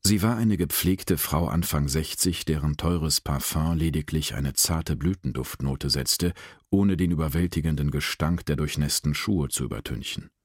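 A man narrating an audiobook with an even, steady reading. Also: rumbling low, moderate pace, husky, no room sound, clean studio sound.

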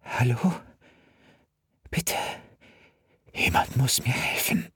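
A man's voice: moderate pace, fairly bright tone, dry recording, studio quality, natural voice. A man voicing a frightened young girl who whispers timidly and cries on an emergency call in a story reading. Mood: scared whisper. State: crying.

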